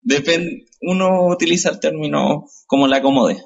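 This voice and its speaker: A man's voice: on the high side, normal speed, creaky, highs cut off. A man with a Chilean accent, a guest in casual podcast chat, explaining things loosely and laughing.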